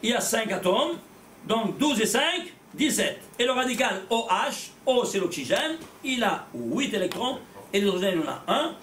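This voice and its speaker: A man teaching a religious class, animated and blunt, firing rhetorical questions at his students and repeating words as he goes. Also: sits high, normal speed, slight background noise. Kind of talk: lively religious lecture to a small class. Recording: echoey room, voice from far off.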